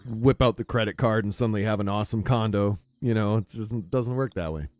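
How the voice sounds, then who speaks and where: A man streaming a game, chatting casually and rambling with frequent laughs into a close mic on a boom arm. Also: brisk. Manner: rambling, relaxed, laughs often. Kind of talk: casual chat while gaming. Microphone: close studio mic on a boom arm.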